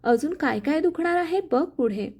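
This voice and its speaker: A woman's voice: high voice, expressive, moderate pace, darkish tone. A woman voicing a spiteful, scheming young sister-in-law in a spoken family story, with a sneering, taunting manner.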